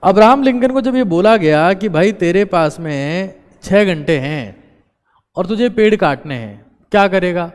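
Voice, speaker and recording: A man's voice: high-pitched, animated, unhurried, clear, resonant tone. A man giving a motivational talk to viewers, urging them on and repeating his key phrases. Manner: exhorting, repeats key phrases, mixes in English. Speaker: motivational speaker. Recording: long reverberant echo.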